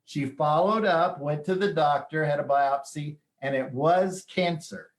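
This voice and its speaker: A man hosting a casual chat, telling news stories in a relaxed, chatty way with plenty of fillers. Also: a little high, measured pace, reverberant. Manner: chatty storyteller with frequent fillers. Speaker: host.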